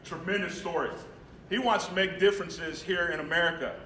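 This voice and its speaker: A man acting as event host, loudly introducing a speaker in a large hotel meeting room. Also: high-pitched, fairly quick. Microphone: far camera. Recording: echoey room, distant mic, faint noise.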